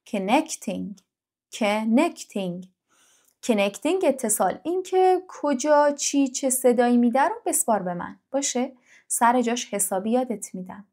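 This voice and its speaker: A young adult woman teaching an English lesson to teenagers, speaking directly and encouragingly to the learner and repeating words slowly to drill them. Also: a little high. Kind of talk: online English lesson for teens.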